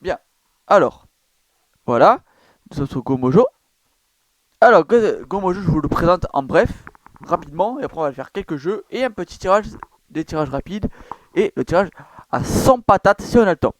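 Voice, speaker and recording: Chatty, rambling man, fairly high voice. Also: sing-song, normal speed, long pauses, no room sound. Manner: rambling, chatty, many fillers and self-corrections. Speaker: gaming YouTuber. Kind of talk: casual screen-recorded walkthrough.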